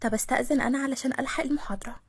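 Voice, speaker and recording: A woman's voice: sits high, fairly even intonation, very fast, breathy edge, dry recording, clean studio sound. A woman voicing a feisty, sarcastic twenty-two-year-old woman in an Egyptian Arabic accent. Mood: sarcastic indignant. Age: 20s. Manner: sharp-tongued, sarcastic, indignant.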